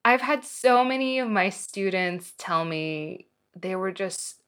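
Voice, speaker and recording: Slow, measured woman from Morocco. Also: lowish voice, pushed and bright. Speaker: film teacher. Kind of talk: radio interview.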